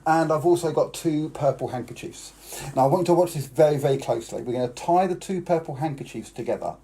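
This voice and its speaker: A British man with a slightly high, warm voice talks fast. Performing as a children's party magician on a live stream, he walks the boys and girls through his tricks and coaxes them to join in.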